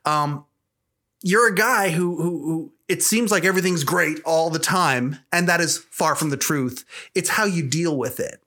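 A man's voice: on the high side, moderate pace, sharp tone. A man hosting a podcast, asking long, earnest questions in casual chat and often repeating words as he builds them. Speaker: podcast host.

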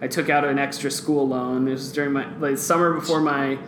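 Relaxed man telling sports stories. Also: mid-range voice, fairly quick. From Guatemala. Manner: relaxed storyteller, many fillers like "um". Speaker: podcast guest. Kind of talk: casual podcast chat. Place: office boardroom. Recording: echoey room with background noise.

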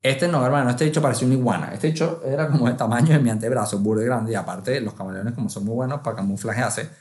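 A man, telling a comic travel story in a lively way, full of sound effects and acted-out inner voices. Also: mid-range voice, very fast, echoey room. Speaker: travel vlogger.

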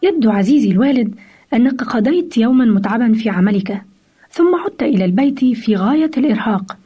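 A woman's voice: fairly high pitch, expressive, fast talker, breathy edge, faint music behind. A woman giving parenting advice in a scripted radio talk, speaking directly to the listener and asking rhetorical questions, on a dull lo-fi radio recording.

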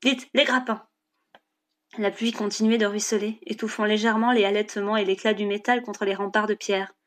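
A woman narrating an audiobook chapter in a steady, measured reading. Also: mid-range voice.

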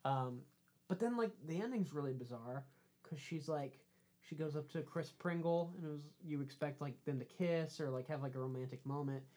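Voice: medium pitch, normal speed, dark tone. A podcast co-host casually retelling a movie's plot, rambling with "um" and "like". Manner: laid-back, rambling with um and like. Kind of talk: casual chat reviewing a movie.

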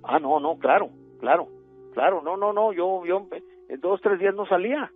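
A middle-aged Mexican-accented man calls in to a radio show over a tinny phone line with music behind him. His voice sits high with lively intonation at a moderate pace as he tells a ghost story in a rambling, hesitant way.

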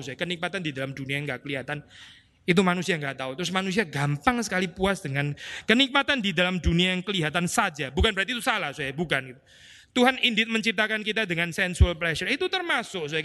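A man preaching an expository sermon in a casual, animated way, mixing in English words. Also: on the high side. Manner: conversational, animated, mixes in English words and slang. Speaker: pastor. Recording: long hall reverb.

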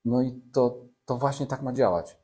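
Mellow-voiced male preacher. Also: mid-range voice, moderate pace. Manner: conversational preaching with asides to the congregation; reads scripture aloud within the sermon. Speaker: pastor. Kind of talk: sermon.

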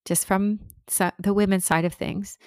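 A woman's voice: medium pitch, fairly even intonation, moderate pace, clear, resonant tone, no room sound, studio quality. A middle-aged woman with a Canadian accent, chatting casually as a podcast co-host. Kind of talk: casual conversation.

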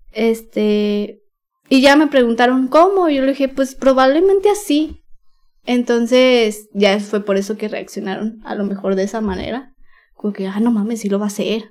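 A woman's voice: fairly high pitch, a little slow, a little mellow. A young woman with a Mexican accent, a podcast guest telling a personal story frankly and casually, full of slang and fillers. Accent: Mexican Spanish. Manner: slangy, frank, with many fillers and nervous laughs.

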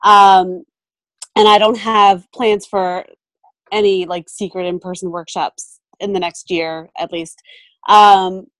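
A woman in her thirties talking through her work in a relaxed interview, pausing often with ums and starting sentences over. Her voice sits in an ordinary middle range. The recording is close and dry, with little room sound. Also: mid-range voice, dry recording. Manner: thoughtful, many fillers and restarts. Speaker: photographer and mentor, podcast guest. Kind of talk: casual interview chat.

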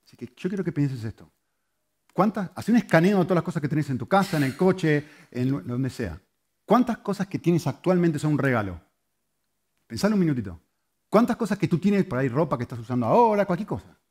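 A man preaching a sermon, moving between loud, emphatic lines and soft, hushed ones. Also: a little high, sing-song, brisk, slightly rough. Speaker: pastor.

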